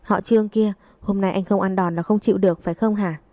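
Brief: narrator voicing a fiery young woman, scolding, warm dark tone. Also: medium pitch, a little fast, no echo, natural voice. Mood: angry. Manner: sharp, scolding.

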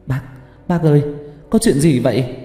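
A man's voice: on the high side, normal speed, warm tone, pitched above the performer's own voice, close to an everyday voice. A man voicing a frightened, grieving young woman who speaks tearfully, in a horror story with heavy reverb and music. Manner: tearful, hesitant.

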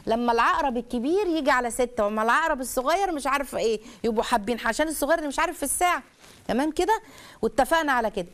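A middle-aged woman with an Egyptian Arabic accent, hosting an advice talk show as a family counselor, talking in an animated way and acting out the voices of the family members she quotes. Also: on the high side. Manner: rapid, animated, acts out quoted family dialogue.

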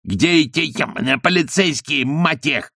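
A man's voice: medium pitch, fairly quick, fairly bright tone, no echo, clean studio sound, voice pushed up, lightly acted. A man voicing a brash, foul-mouthed colonial timber merchant who snarls and curses. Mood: snarling. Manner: snarling, crude, cursing.

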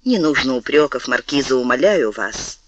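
A man's voice: medium pitch, animated, normal speed, fairly bright tone, no room sound, pitched below the performer's own voice. A man voicing a lovesick nobleman who pleads fervently with the woman he loves. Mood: pleading. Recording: dull lo-fi dry recording.

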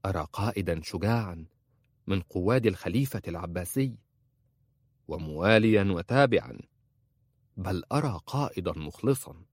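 Brief: male reader doing a clever, devoted young woman, soft and humble, quiet delivery. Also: deep voice, lively intonation, moderate pace, long pauses, no echo, clean studio sound. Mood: pleading. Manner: soft, hushed and pleading. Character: young female slave girl, devoted and clever.

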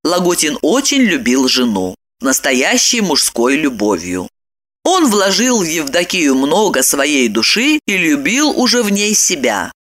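A woman narrating an audiobook in an expressive, ironic storytelling manner. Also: low voice, a little slow.

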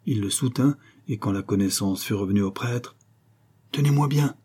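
A man with a low, dark voice reads a historical novel aloud in steady, measured audiobook narration. His tone has a husky grain.

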